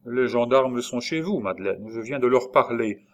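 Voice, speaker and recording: A man reading aloud, voicing a weary, wrongly accused man who speaks softly and with resignation. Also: mid-range voice, moderate pace, close to an everyday voice. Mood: resigned. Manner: soft, subdued and resigned. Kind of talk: audiobook reading.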